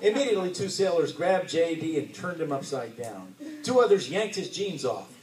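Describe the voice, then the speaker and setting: Expressive man reading aloud in a bookstore. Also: on the high side, normal speed. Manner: expressive narration. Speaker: author. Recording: roomy, distant mic, faint hiss.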